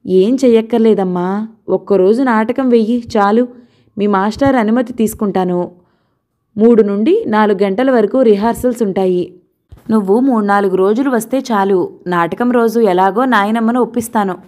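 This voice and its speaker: A woman's voice: medium pitch, moderate pace, darkish tone, close to an everyday voice. A woman voicing a poor father who coaxes his daughter and quarrels with his mother. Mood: coaxing. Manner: coaxing, persuasive. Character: poor grown-up son, coaxing father and stage actor.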